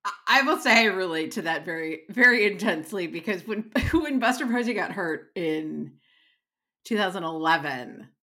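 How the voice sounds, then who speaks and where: Female podcast co-host, bright and lowish voice, rambly and chatty. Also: expressive, normal speed. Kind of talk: casual chat.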